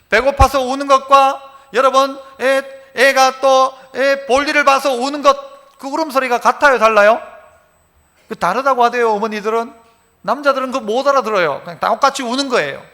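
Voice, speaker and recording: Man, pastor, conversational sermon, rhetorical questions, very high voice, reverberant church hall. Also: sharp tone. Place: church sanctuary.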